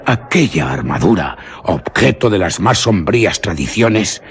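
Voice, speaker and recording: A deep-voiced man from Spain, judging by his accent, reads a scripted suspense tale for radio theatre. He keeps a grave, deliberate, literary tone.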